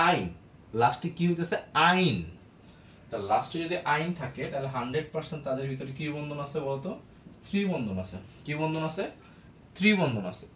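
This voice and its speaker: A man teaching a chemistry lesson, asking questions and answering them himself, repeating key words. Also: medium pitch. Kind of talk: classroom lesson, call-and-response. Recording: echoey room with faint background noise.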